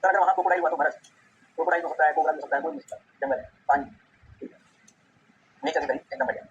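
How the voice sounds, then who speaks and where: A man teaching customs law in a casual, chatty way, often checking that his students follow. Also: fairly high pitch. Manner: rapid, chatty, keeps checking "ठीक है?". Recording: slightly dull recording with faint background noise.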